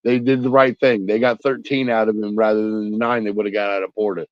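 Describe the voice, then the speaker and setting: A man's voice: on the low side, level tone, quick pace, dry recording. Male co-host for a casual sports chat, blunt and profane, recorded dry and a bit dull. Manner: blunt, profane, joking, says "like" a lot. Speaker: podcast co-host. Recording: dry, slightly dull sound.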